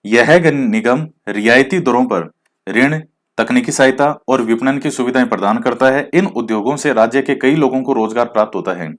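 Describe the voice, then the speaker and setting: A man's voice: mid-range voice, moderate pace. A man teaching an exam-prep lecture, who asks questions and answers them himself, mixes in English words, and admits his rustic pronunciation. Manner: explains, then quizzes with questions he answers himself.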